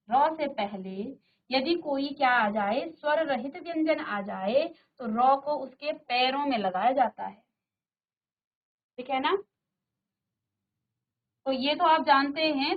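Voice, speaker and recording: A woman teacher giving a grammar lesson in a studio classroom, drilling sounds by repeating them and checking in with her class. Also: high-pitched. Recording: tinny phone-like sound.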